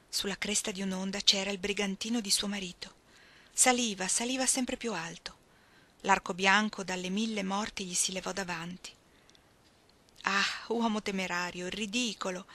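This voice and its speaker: A woman reading a novel aloud, slow and expressive, sometimes dropping to a soft whisper. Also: mid-range voice. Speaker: audiobook reader. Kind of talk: literary reading.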